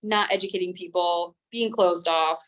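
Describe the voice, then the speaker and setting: A young woman in her twenties, a teacher, speaking as an interview guest in a calm, even, measured tone. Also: on the low side. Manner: calm, even-toned speech. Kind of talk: interview conversation.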